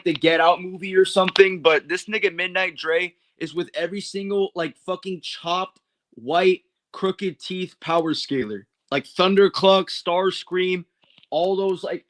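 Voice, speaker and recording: Man, standard American accent, slightly high voice, casual livestream commentary, blunt, slangy, sweary. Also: moderate pace, a bit bright. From California, United States. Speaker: livestreamer answering viewer questions.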